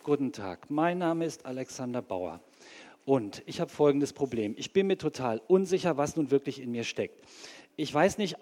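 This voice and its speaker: An actor playing an anxious, earnest bank clerk who rambles hesitantly as a polite caller in a comedy sketch. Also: male voice, on the high side, darkish tone, in a large hall.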